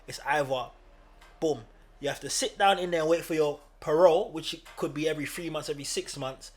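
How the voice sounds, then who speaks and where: A man's voice: on the high side, fairly quick, a little mellow. A young man with an East End London accent, co-hosting a casual podcast and telling stories in street slang while laughing often. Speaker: podcast co-host.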